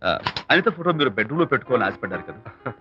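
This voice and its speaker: A man's voice: medium pitch, big pitch swings, fast, lightly acted. An actor playing a playful young man in love, mixing English into his Telugu, in a film scene. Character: playful young male suitor, teasing. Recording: dull lo-fi film soundtrack with music.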